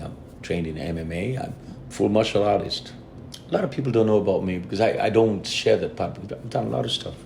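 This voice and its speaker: A man's voice: low voice, a little hiss or hum. A man from Fiji, a reggae band's lead singer talking earnestly and reflectively as an interview guest. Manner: earnest, reflective, steady storytelling. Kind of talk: casual interview conversation.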